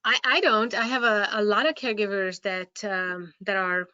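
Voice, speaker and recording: A care home operator and software founder answering panel questions on a video call with a shaky internet connection. She talks hesitantly, with many restarts. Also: mid-range voice, fairly even intonation, normal speed, clear, resonant tone, no echo. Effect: video call audio with a shaky internet connection. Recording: slightly muffled, dry video call audio.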